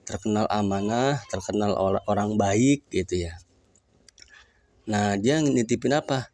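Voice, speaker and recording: A man's voice: fairly low pitch, unhurried, darkish tone, no echo. A man, a preacher telling a religious story in a casual way, reciting Arabic phrases and then explaining them.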